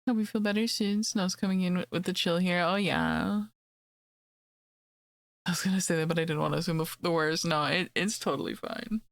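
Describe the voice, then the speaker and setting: A young woman streamer with a raspy voice from being sick, chatting casually and laid-back while she draws. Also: fairly low pitch, animated, brisk, no echo. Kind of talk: casual chat while drawing.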